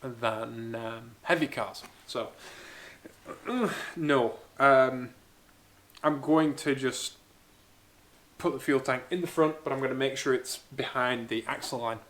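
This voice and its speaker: A man's voice: mid-range voice, takes it slowly, long pauses, a bit bright. A man who grew up in Spain, chatting enthusiastically as he answers viewer questions in a casual Q&A vlog about building a car. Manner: chatty, enthusiastic, thinking aloud. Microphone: small camera-mounted mic.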